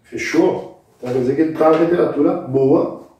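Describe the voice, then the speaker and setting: In a very echoey indoor kitchen with a brick wall, recorded on a distant microphone, a Brazilian cooking show host with a mellow, mid-pitched voice guides viewers through a recipe step by step. He talks informally and directly to them, a little fast.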